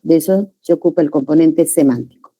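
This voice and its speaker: Mellow-voiced woman teaching a lesson. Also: low-pitched. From Peru. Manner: explanatory, frequent tag questions, spells out sounds slowly. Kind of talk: classroom lecture.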